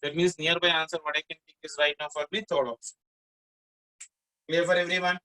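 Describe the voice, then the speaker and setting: A male teacher with a South Indian accent speaks in a bright, forceful voice. He works through a physics lesson interactively, restating key phrases and putting questions to his students. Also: on the high side, level tone, brisk, poor audio. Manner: repetitive, often checks in with questions.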